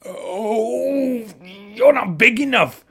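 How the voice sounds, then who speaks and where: A man voicing a shrill, bad-tempered, boastful little ladybird that screeches and shouts in a storybook reading. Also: drawn-out words, vocal fry, slightly rough, full character voice. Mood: shouting challenge.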